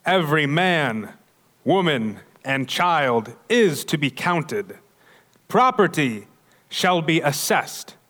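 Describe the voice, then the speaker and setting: A man's voice: on the high side, a bit bright, heavily acted. A man playing a stern Roman herald who reads out an imperial edict in a formal, declamatory church nativity play.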